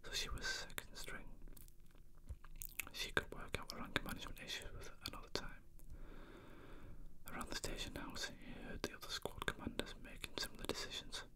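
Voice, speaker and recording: A person reading a novel aloud in an unvoiced whisper, as ASMR narration. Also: fairly quick. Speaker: reader.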